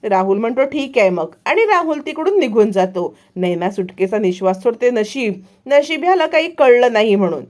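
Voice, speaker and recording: High-voiced woman recapping a serial. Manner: brisk, animated retelling. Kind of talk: casual episode recap narration.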